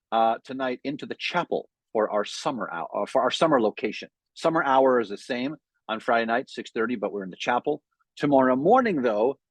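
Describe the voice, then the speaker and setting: A man's voice: medium pitch, no room sound. A man giving a weekly sermon as a rabbi, talking conversationally with frequent fillers and restarts. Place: in front of a Hebrew sign, dry room.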